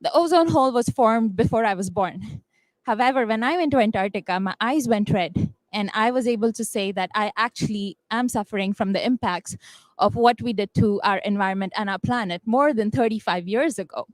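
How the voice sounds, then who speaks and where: A young adult woman from India speaks hesitantly as a youth panelist in a panel dialogue, filling her speech with ums and uhs. Her voice is medium-pitched and a little fast. The recording is rough but has no echo.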